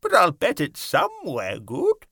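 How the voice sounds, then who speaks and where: A man voicing a kindly old green grasshopper who talks slowly and tries to sound cheerful, in a dry recording. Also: high-pitched, wildly swooping pitch, creaky, dry recording, pitched above the performer's own voice, exaggerated voice. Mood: cheering. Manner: slow, gently encouraging.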